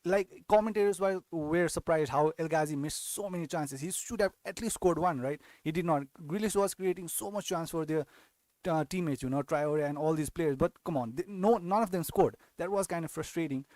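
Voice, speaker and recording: A young Nepali man hosts a casual fantasy football live-stream Q&A for his channel, often restarting sentences and tacking on tag questions. His voice is on the high side, darkish, and a little fast, and the recording is dry.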